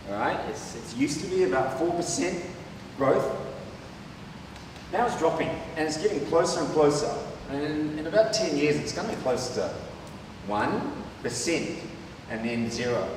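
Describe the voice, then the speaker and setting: Recorded at a distance in an echoey hall with noise in the background, a New Zealand man delivers a conference talk. His voice sits a little high, and he keeps it conversational, sprinkling his points with rhetorical "right?" tags.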